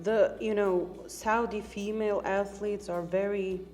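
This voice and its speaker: A woman with a mid-range voice co-hosts a relaxed news chat. She keeps asking curious questions in a casual, easygoing way, and faint music plays behind her. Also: medium pitch, unhurried. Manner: curious, asks lots of questions. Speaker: co-host.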